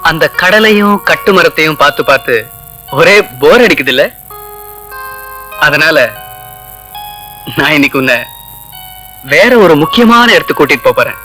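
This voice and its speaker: An earnest young suitor from a well-off family, his voice a little high. He coaxes his sweetheart warmly while film music plays clearly underneath. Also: animated, normal speed, long pauses, rough recording. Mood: romantic. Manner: earnest, coaxing. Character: young wealthy lover, earnest, romantic. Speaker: film actor. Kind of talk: 1980s film dialogue.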